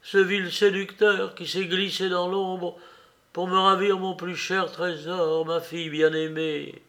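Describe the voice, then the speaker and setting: Man playing enraged old father, loud impassioned outbursts, raised pitch, deliberate pace. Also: vocal fry, exaggerated voice. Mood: enraged grief. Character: older grieving father, a mayor, enraged and vengeful. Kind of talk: audiobook reading.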